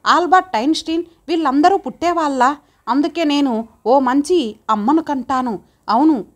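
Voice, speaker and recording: A woman reading an audio story as a storyteller, calm and measured. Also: high voice. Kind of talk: scripted narration.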